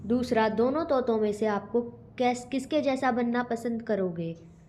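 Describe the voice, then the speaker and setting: A woman teacher reading a school lesson aloud and going through its questions in a clear, patient way. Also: a little high, a little slow, a little mellow. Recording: dull lo-fi recording.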